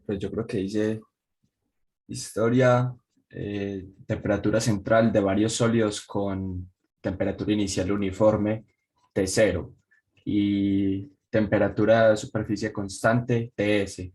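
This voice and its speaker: Low-voiced hesitant Colombian student. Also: male voice, steady tone, takes it slowly, a little mellow. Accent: Colombian Spanish. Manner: hesitant, tentative. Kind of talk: answering in class.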